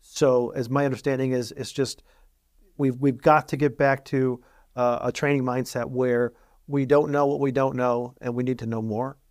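A man's voice: medium pitch, level tone, moderate pace, darkish tone, no echo. A middle-aged man hosting a studio podcast interview, asking questions and reacting with enthusiasm. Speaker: podcast host.

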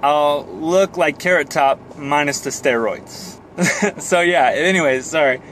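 This man, in his thirties, takes his time as he chats to camera while driving, his slightly high voice fairly bright. The vlogger rambles and jokes at his own expense over car, road, fan and air noise inside the moving vehicle.

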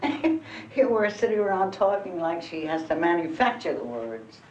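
An actress playing a weary, patient playwright who speaks slowly and deliberately. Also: female voice, lowish voice, big pitch swings, a little mellow, muffled recording. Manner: slow and deliberate, coaxing. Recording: roomy, distant film audio with faint hiss.

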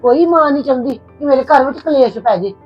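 A woman's voice: high voice, lively intonation, quick pace, slightly rough. Lecturing woman, slightly muffled. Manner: reproachful, lecturing. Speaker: actor playing a mother. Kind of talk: Punjabi family web drama acting. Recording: slightly dull audio with music.

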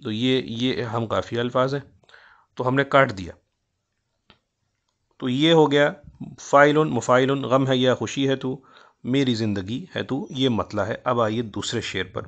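A man teaching a lesson on poetic meter, explaining patiently and slowly chanting out syllables as he scans lines. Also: medium pitch, a bit bright. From South Asia. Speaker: Urdu poetry teacher.

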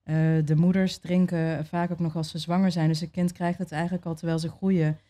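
A young adult woman being interviewed, telling a personal story in a relaxed way, with many fillers and restarts. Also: on the low side, fairly quick. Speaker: interview guest.

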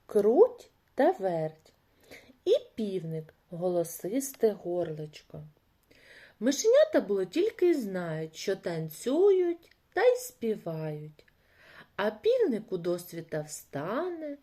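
A woman telling a fairy tale to children, speaking slowly and clearly in a gentle, expressive voice. Her pitch moves up and down a lot, like a teacher holding young listeners' attention.

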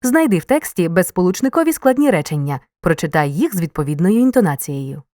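Lively woman narrating a grammar lesson. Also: lowish voice, dry recording, clean studio sound. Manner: clear, measured reading with marked intonation of example sentences. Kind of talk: scripted educational narration.

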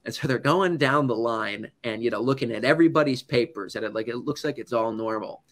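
A man's voice: mid-range voice, a little fast, a bit bright. A man from the United States who works as a news correspondent, telling stories to an audience in a loose, conversational way full of "like" and "you know.". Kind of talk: casual storytelling talk to an audience.

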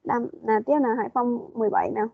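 A woman's voice: fairly high pitch, big pitch swings, fast talker, gravelly, slight background noise. A woman teaching an online English class, patiently prompting and repeating her questions over a video call. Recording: dull lo-fi meeting audio.

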